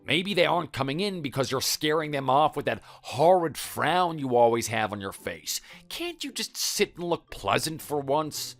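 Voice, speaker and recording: A man voicing a bitter, yelling cafe owner. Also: fairly high pitch, big pitch swings, moderate pace, hardly any pauses. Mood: angry. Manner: accusing, yelling. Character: bitter shouting middle-aged male cafe owner.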